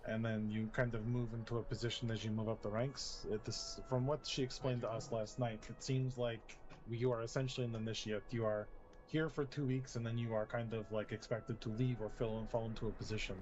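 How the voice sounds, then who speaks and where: A man's voice: mid-range voice, little pitch movement, a little fast. A man in an online role-play, chatting in character and explaining things in rather formal wording. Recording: muffled, very noisy game voice chat.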